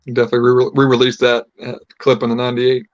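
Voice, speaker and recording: A man's voice: mid-range voice, monotone, fast talker, no room sound. A man co-hosting a casual live stream in a chatty, agreeable way, on slightly lo-fi call audio.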